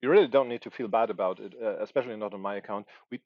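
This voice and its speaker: A German-speaking man in his forties thinks aloud while writing on a livestream, hesitating and searching for words. His voice is fairly low and rapid-fire, and the recording is muffled without echo.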